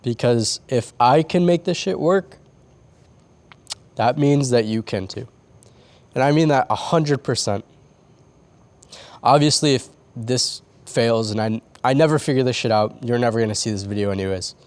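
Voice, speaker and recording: A young man talks into his camera outdoors on a rooftop in the middle of the night. His speech is halting and full of false starts, laced with casual swearing, and he sounds close to tears. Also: medium pitch, darkish tone, dry recording. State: tearing up. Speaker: vlogger. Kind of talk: late-night confessional vlog. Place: on a roof outdoors.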